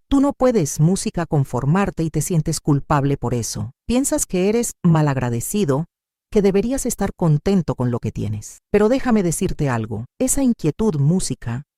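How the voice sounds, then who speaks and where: A woman's voice: sits low, dark tone, no room sound, clean studio sound. A woman giving scripted devotional narration, preaching in a dramatic, emphatic way.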